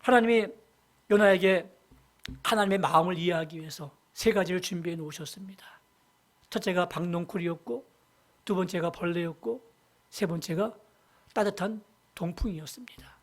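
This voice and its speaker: A senior pastor preaching a Sunday sermon in a church, retelling a Bible story and swinging between loud emphasis and hushed asides. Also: medium pitch, moderate pace, pauses often. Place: church sanctuary.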